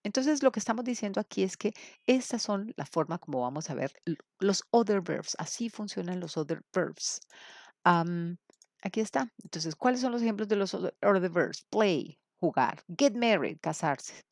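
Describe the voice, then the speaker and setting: A woman teaching English in a recorded lesson, patient and explanatory, slowing down to model phrases with emphasis and asking rhetorical questions. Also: mid-range voice, animated, no echo, clean studio sound.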